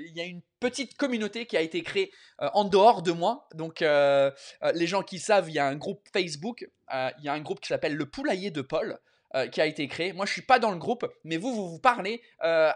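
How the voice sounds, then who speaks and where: A man chats casually on a live stream, reading out viewer messages and replying. His French is halting, with repeated words and searches for the right term, and he drops into English along the way. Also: high-pitched. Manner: switches between French and English mid-speech.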